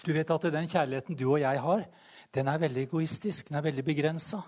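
A man preaching a sermon, fervent and animated, often calling out praise between his sentences. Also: fairly high pitch.

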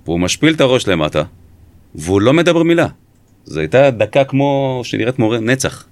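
A man, a former police interrogator, recounting in an interview how he questioned a suspect, speaking in a measured, emphatic way. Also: medium pitch, very animated, darkish tone, no room sound.

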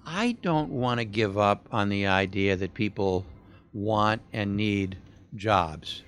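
A man with a low voice answers an audience question at a public talk. He talks in a measured, thoughtful way and poses rhetorical questions. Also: a bit bright, soft background music.

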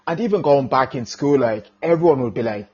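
A man in his twenties from Zimbabwe, a podcast guest answering casually and relaxed, with frequent fillers. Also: mid-range voice, fairly quick, breathy edge, dull audio. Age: 20s.

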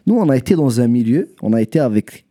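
Man, rapper guest, relaxed casual interview, mellow tone. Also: medium pitch, quick pace. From Montreal, Canada. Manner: relaxed, mixes English words into French.

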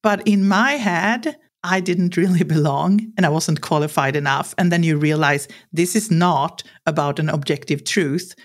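Her voice is deep and moves at a moderate pace with few pauses. She is a Swedish woman in her forties on a podcast, telling candid stories in accented second-language English, lively and laughing as she acts out quoted lines.

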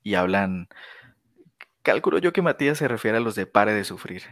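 Man, Colombian accent, low voice, dry, joking casual talk. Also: very animated, normal speed, a bit bright, no echo. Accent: Colombian Spanish. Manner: joking, teasing. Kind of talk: casual chat.

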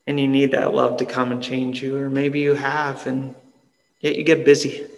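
A male pastor giving a sermon in an earnest, conversational way, often dropping soft and slow for emphasis. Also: mid-range voice, completely flat delivery, gravelly, long reverb tail, low-quality recording.

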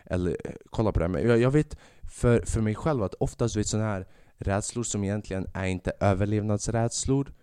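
Man, fever-sick, rambling profane rant, lowish voice, dry sound. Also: smooth, dry recording. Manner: swearing, rambling, animated rants. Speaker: podcast host. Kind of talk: casual monologue podcast.

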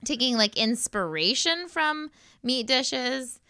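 A woman's voice: high-pitched, animated, takes it slowly, pushed and bright, clean tone, dry recording, clean studio sound. A woman co-hosting a podcast, chatting casually and throwing in joking asides. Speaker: podcast co-host. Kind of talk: casual chat.

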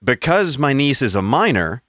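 A man's voice: mid-range voice, sing-song, normal speed, a bit bright, no echo, studio quality. A man on a casual podcast, telling long rambling stories full of swearing. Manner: rambling storyteller, heavy swearing, mocking voices in quotes. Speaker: podcast co-host. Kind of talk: casual profane chat.

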